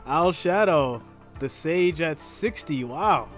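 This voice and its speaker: A man's voice: fairly high pitch, expressive, takes it slowly, faint music behind. A man in his thirties hosting a live reaction stream, chatting casually with viewers and often repeating and restarting his words. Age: 30s.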